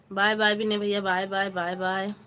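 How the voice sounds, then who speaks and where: A woman's voice: medium pitch, a bit bright. A woman hosting a casual live stream on her phone, chatting with viewers, greeting them by name and asking for likes. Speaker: livestream host.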